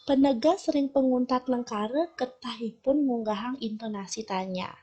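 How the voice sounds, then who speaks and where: A woman with a Balinese accent teaching children a language lesson, explaining slowly and patiently. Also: on the high side, a little mellow, slightly rough. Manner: slow, patient explaining to children, shifting between Balinese and Indonesian. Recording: dull lo-fi recording.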